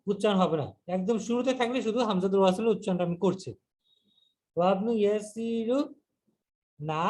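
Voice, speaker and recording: Man, high-pitched voice, patient teacher, slow and repetitive explanation. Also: darkish tone. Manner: slow, repeating words and breaking them down step by step. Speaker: Arabic teacher. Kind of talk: explaining a grammar lesson.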